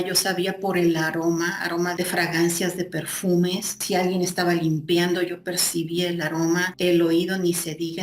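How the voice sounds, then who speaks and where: A woman recounting a personal experience as an interviewee, in an earnest, reflective way. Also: lowish voice. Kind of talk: personal testimony. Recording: roomy echo.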